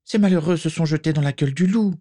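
A man's voice: on the high side, fast talker, no room sound, studio quality, pitched above the performer's own voice, close to an everyday voice. A man voicing a mournful old portrait lady. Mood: sorrowful. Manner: mournful, gentle.

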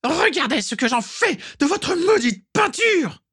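A man voicing a furious, haughty older witch who screams insults in a shrill, screeching voice. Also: sing-song, a little slow, a bit bright, heavily acted. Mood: screaming.

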